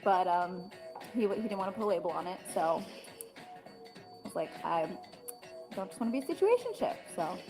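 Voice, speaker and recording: A woman's voice: on the low side, expressive, normal speed, long pauses, over music, rough recording. A woman in her twenties, a guest on a panel show, chatting casually and acting out what people said while telling a story. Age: 20s. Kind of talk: casual chat.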